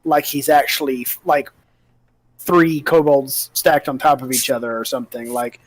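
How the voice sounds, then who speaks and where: A man narrating a tabletop game as game master, improvising in a halting, hesitant way with many pauses. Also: mid-range voice, steady tone, poor audio.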